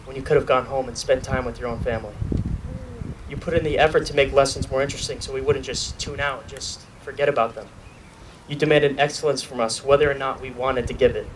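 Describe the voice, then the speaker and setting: Standing at an outdoor podium, a newly graduating young adult gives the student address from his notes, sincere but with some gentle humor. He has a medium-pitched voice. The sound comes from a podium mic captured by a far-off camera, giving a distant, noisy outdoor recording.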